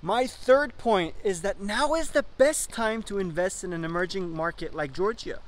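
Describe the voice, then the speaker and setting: A young man hosting a property vlog, speaking persuasively to a phone held at arm's length outdoors at a sunny mountain resort. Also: normal speed. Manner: upbeat and persuasive, pitching to investors. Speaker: real estate investor and vlog host. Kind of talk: enthusiastic sales vlog to camera. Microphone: phone held at arm's length, selfie video.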